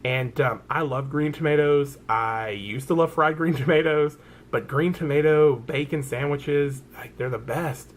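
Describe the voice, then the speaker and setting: A man's voice: fairly high pitch, unhurried, slight background noise. Chatty man rambling through a haul. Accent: Southern American. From American South. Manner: chatty, rambling, self-correcting. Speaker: vlogger. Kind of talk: casual product haul chat.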